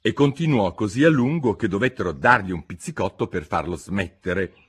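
A man narrating an audiobook of a classic tale, lively and expressive. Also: on the low side, normal speed, husky. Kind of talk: scripted narration.

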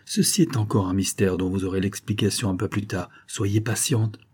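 A man reading an audiobook, voicing a smooth-talking older viscount with falsely affectionate manners. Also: on the low side, steady tone, moderate pace, darkish tone. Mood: honeyed.

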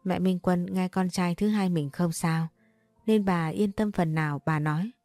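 A woman tells a first-person story in a mellow, dark-toned voice, speaking a little low. She reads all the characters' lines in her own voice. The recording is close and dry, with faint music underneath. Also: fairly even intonation, a little slow, dry recording.

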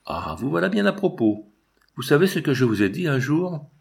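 A man voicing a teasing, lively younger sister in an audiobook reading, talking in a playful bantering way. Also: fairly high pitch, normal speed, gravelly, husky, voice pushed up, heavily acted.

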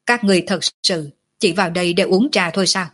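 A woman's voice: fairly low pitch, fast talker, fairly bright tone, husky. A woman voicing a solemn male commander who questions his men with authority. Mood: stern.

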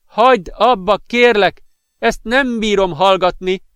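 A man's voice: a little high, clean tone, no room sound, clean studio sound, voice pushed up, close to an everyday voice. A man voicing a worried young woman who pleads with her partner in a pained way. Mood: distressed. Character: worried young blonde woman, caring girlfriend.

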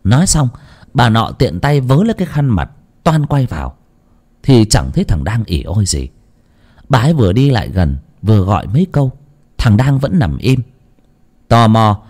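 A man telling a dramatic village story as narrator, animated and shifting into character voices. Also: mid-range voice, moderate pace.

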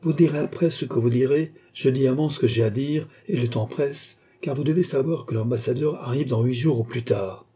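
A man voicing a cold, haughty Portuguese male schemer in an audiobook, raised in pitch and delivered with icy self-importance. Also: a little fast, few pauses, mellow, breathy edge, close to an everyday voice.

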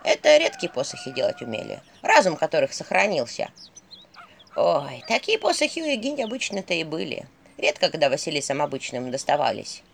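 A woman's voice: sits low, huge pitch swings, brisk, gravelly, breathy edge, full character voice. A woman voicing an old female talking skull on a staff, with folksy, drawling speech. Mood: recounting.

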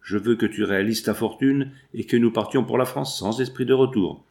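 A man's voice: medium pitch, brisk, darkish tone, natural voice. A man reading aloud and voicing a willful, impetuous eighteen-year-old girl who pleads insistently.

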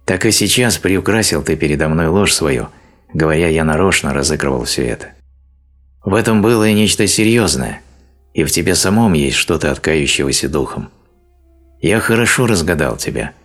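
A man's voice: a bass voice, animated, moderate pace, fairly bright tone, faint music behind. A man reading a stern, angry male sage in an audiobook, scolding with harsh declamation. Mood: scornful.

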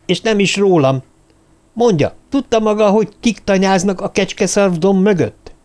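A man reading aloud and voicing a volatile police lieutenant who presses slowly and flares into yelling. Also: high voice, voice pushed up, natural voice. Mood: furious. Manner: slow, pressing, bursts into yelling. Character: hot-tempered male police lieutenant, volatile.

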